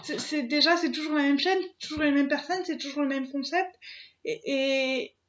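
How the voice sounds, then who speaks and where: A young woman with a high, light voice chats casually to her camera, stopping often to restart her sentences and fill gaps with hesitations. The sound is dull and lo-fi, as if from a basic home recording. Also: normal speed. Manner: hesitant, many fillers and restarts. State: emotional, near tears. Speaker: channel host. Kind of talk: casual vlog talk to camera.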